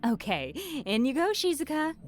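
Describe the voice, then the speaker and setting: A woman's voice: high voice, sing-song, moderate pace, faint music behind. A woman voicing a theatrical, mock-sweet and sadistic female hologram AI game show host in a video game. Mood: mock-cheerful.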